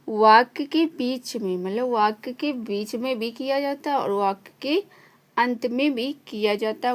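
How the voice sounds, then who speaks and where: A woman teaching an online lesson at a slow, unhurried pace, her voice sitting a little above the usual. She goes over each point more than once and keeps checking in with a short "okay". The delivery stays patient and methodical throughout. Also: on the high side.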